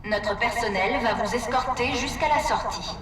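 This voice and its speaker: Stern security alarm system. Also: female voice, fairly high pitch, moderate pace, heavy background noise. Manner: cold, formal, commanding. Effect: facility loudspeaker announcement. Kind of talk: video game announcer. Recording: echoey, distant, over loud game music and gunfire.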